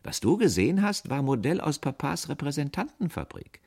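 A man's voice: sing-song, normal speed, creaky, a little mellow, full character voice. A man voicing a young, dreamy, mocking woman who lectures in a raised, playful voice. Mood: lecturing. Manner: teasing, lecturing in a lighter, higher voice.

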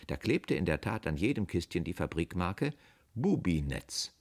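Man reading a wry story, very lively pitch. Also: normal speed, creaky. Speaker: narrator. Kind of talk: reading a humorous short story.

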